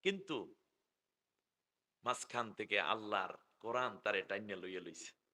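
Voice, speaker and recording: A middle-aged man with a Bangladeshi Bengali accent, preaching loudly through a stage microphone at a public gathering, joking with the crowd and drawing out his call phrases. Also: fairly low pitch, a little hiss or hum. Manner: loud, joking, drawn-out chanting of call phrases. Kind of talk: live sermon with crowd call-and-response. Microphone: stage microphone through loudspeakers.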